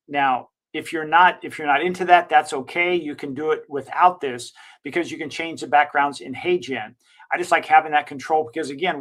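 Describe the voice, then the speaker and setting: The owner of a digital marketing agency gives a casual screen-share walkthrough of some software, enthusiastic and recommending it while rambling and correcting himself along the way. His voice is slightly higher-pitched.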